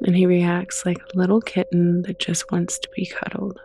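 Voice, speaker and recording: A soft-spoken, gentle meditation guide reading slow, soothing scripted narration with unhurried pauses and a creaky edge. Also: mid-range voice, completely flat delivery, slight background noise.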